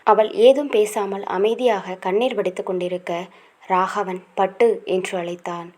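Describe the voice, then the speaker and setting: Calm woman reading a romance novel. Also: medium pitch, measured pace. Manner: calm, steady storytelling. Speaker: narrator.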